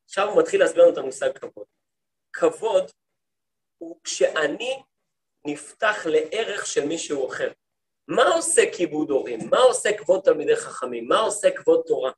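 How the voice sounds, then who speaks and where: A rabbi teaching a class for women, a man telling stories in a lively way and often turning to his listeners with questions. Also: a little high. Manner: lively storytelling, acts out quoted speech; talks to the listeners, asks them questions. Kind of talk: lecture to a women's study group.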